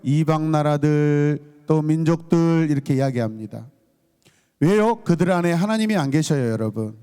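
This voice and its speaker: A man's voice: fairly high pitch, moderate pace, warm tone, clean tone. A man preaching as a pastor at a Friday night service, calling out questions to the congregation and acting out scolding voices. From South Korea. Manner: calls and responses to the congregation, acts out scolding voices.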